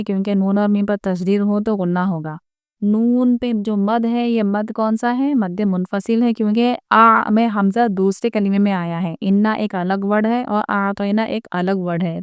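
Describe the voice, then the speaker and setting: A woman teaching Quran recitation rules in a patient, methodical lesson. Her voice is very clear and smooth, recorded close up with no room sound. She often pauses to ask her viewers rhetorical questions. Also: mid-range voice, steady tone, a little mellow, dry recording. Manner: patient, explains each rule and asks rhetorical questions.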